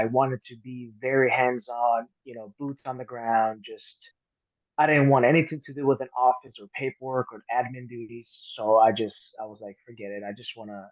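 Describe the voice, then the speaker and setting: A man in his thirties from Colombia, a podcast guest talking earnestly, often trailing off softly. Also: mid-range voice, dry recording. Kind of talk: casual interview chat. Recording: dry, phone-like call audio.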